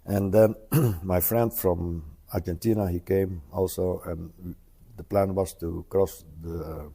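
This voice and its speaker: A man in his seventies, an interview guest, speaking hesitantly with many pauses and tag questions. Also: deep voice, fairly even intonation, vocal fry, mellow, husky. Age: 70s. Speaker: interview guest, retired traveler. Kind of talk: casual conversational interview.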